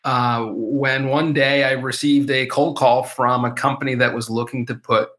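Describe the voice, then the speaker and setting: A man's voice: mid-range voice, flat delivery, moderate pace, a bit bright, low-quality recording. A man interviewed as a former company executive, talking candidly and with some self-deprecation.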